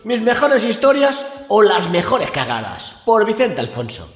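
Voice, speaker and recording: A man's voice: sits high, huge pitch swings, unhurried, soft background music. Rambling comic man. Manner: rambling, self-mocking jokey patter. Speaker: comedy section presenter. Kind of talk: comic monologue.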